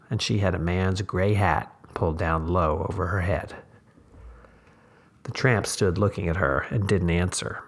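Male podcast host narrating a story, very low and gravelly, measured pace. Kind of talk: audiobook reading.

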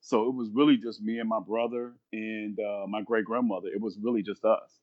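A man's voice: on the low side, fairly even intonation, brisk. Man in his 50s, preachy earnest podcast guest, repeats himself, kinda dull lo-fi sound. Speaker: guest minister. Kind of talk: podcast conversation, preaching-flavored.

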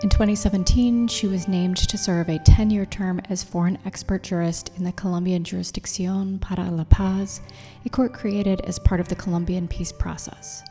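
A woman hosting a podcast, reading a scripted introduction in a measured, deliberate way and then asking interview questions. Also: fairly low pitch, fairly even intonation, dark tone. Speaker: podcast host. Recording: reverberant room with music underneath.

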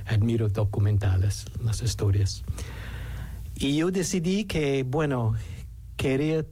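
A middle-aged or older man from New York, a native English speaker with an American accent in Spanish, talking haltingly as an interview guest and searching for words. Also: medium pitch, warm tone, a little hiss or hum. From New York City, United States.

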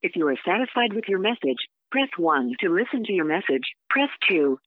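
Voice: mid-range voice, big pitch swings, fairly quick, dry recording. An automated voicemail prompt heard over a landline phone, giving clipped, formal instructions. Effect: heard over a landline phone line. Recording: tinny phone line, dry.

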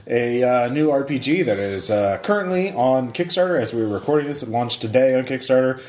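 A man hosting a tabletop game podcast as a player, chatting casually in a jokey, excitable way. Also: mid-range voice, fairly quick. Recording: roomy echo, background noise with clicks.

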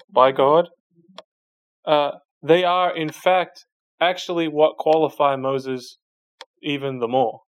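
A man preaching a sermon, reading scripture aloud and then explaining it in plain conversational terms, stopping now and then to find the next verse. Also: on the high side. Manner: frequent restarts while searching for verses. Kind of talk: sermon Bible teaching.

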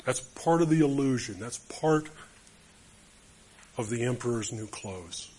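A man's voice: mid-range voice, lively intonation, unhurried, a little mellow, a little hiss or hum. A man preaching a sermon to a group of men, emphatic and storytelling. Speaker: speaker to men.

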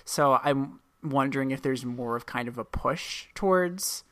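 A woman's voice: very deep voice, unhurried, fairly bright tone. A woman hosting a podcast, telling a story in a rambling, self-correcting way. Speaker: podcast host. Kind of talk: casual podcast chat.

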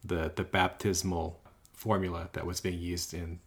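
A man's voice: sits low, flat delivery, unhurried, vocal fry. A man co-hosting a religious podcast as ordained clergy, explaining scripture in a teacherly way. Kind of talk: casual religious podcast chat.

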